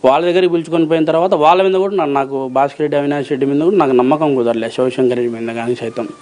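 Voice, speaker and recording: A man from Rayalaseema, Andhra Pradesh, India, speaks with a Rayalaseema Telugu accent in a fairly high, darkish voice, rapid-fire. He is an interview guest and approver witness in a criminal case, answering questions colloquially, emphatically and insistently. He repeats phrases and poses rhetorical questions.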